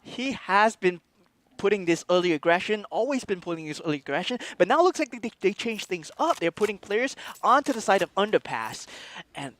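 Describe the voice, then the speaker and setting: Man, esports co-caster, very high pitch, lively intonation, exclamatory. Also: a little fast. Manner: animated, exclamatory reactions. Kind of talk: excited color commentary.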